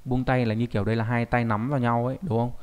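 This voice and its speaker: A man's voice: medium pitch, little pitch movement, quick pace, darkish tone, smooth. A man teaching kanji in an online lesson, explaining patiently and often checking in with the learner through tag questions. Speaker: Japanese language teacher.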